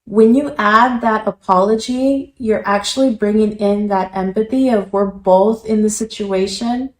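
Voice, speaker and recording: A woman giving an instructional lesson as a call center English trainer, explaining clearly step by step with example phrases. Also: medium pitch, steady tone, measured pace. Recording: roomy echo.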